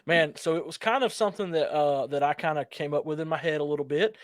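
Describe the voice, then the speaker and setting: A man's voice: a little high, fast, no echo, clean studio sound. A man talking casually and enthusiastically as a show producer promoting his project, repeating phrases for emphasis.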